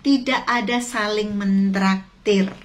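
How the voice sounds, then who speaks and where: A woman's voice: mid-range voice, fairly even intonation, slow pace. A middle-aged woman from Indonesia telling chatty stories to camera with many fillers and asides to her viewers. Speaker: lecturer sharing stories about Japan. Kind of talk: casual storytelling to camera. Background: faint music.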